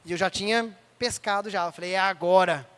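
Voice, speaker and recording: A young man preaching in church, who tells his testimony in an animated way and acts out each person he quotes. His voice sits very high for a man and has a bright, ringing edge. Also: fairly quick, smooth. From Brazil.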